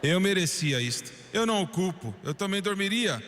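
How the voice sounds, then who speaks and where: High-voiced brazilian portuguese guy preaching, storytelling, goes soft then emphatic, long reverb tail. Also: very animated, normal speed. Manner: fervent storytelling, swings from hushed to emphatic. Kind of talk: dubbed sermon storytelling.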